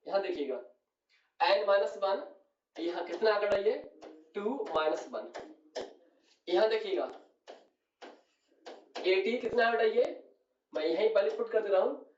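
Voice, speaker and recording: Here a chemistry teacher with a voice that sits high explains his lecture at the board, moving at a measured pace with long pauses. He calls his students "beta" and keeps asking "clear?". The recording is dull and echoey, with a distant mic and a little hiss or hum.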